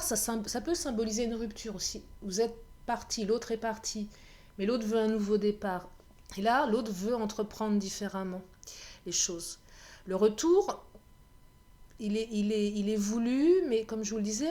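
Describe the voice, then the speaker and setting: A woman with a hoarse voice giving a chatty card reading for viewers, often laughing at herself and clearing her throat. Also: a little high, dark tone, a little hiss or hum. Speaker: tarot card reader. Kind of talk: card reading guidance video.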